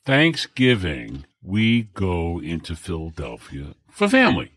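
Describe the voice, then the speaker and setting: Deep husky man chatting lively. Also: unhurried. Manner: chatty, finishes his partner's sentences. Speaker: podcast co-host. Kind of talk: casual chat.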